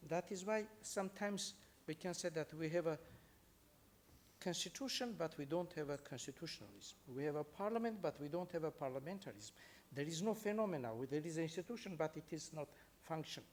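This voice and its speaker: A man with an Armenian accent giving an earnest, somewhat halting speech as a judge moderating a conference panel. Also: on the high side, expressive, a little mellow, slight background noise. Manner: earnest, halting non-native phrasing.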